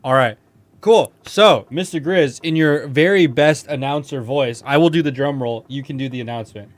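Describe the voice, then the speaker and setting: A man hosting a sim racing drift competition livestream, chatting casually and switching into excited play-by-play commentary, with faint music behind him. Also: mid-range voice, moderate pace. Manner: chatty, laid-back, bursts into hype play-by-play.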